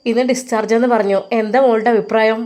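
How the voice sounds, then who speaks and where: A woman voicing a caring older sister-in-law who gives gentle but firm advice. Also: on the high side, fairly even intonation, quick pace, close to an everyday voice. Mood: concerned.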